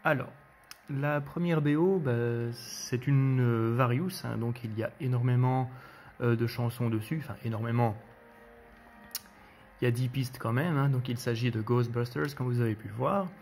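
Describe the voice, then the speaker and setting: A man hosting a casual spoken review of his collection, relaxed and hesitant, with frequent fillers and restarts. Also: mid-range voice, normal speed, a little hiss or hum.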